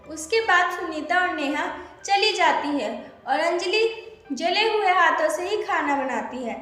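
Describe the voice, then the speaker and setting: Woman storyteller, high bright voice, plain storybook reading, echoey room with music behind. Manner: reads plainly, briefly voices each character. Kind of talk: storybook narration for a moral tale.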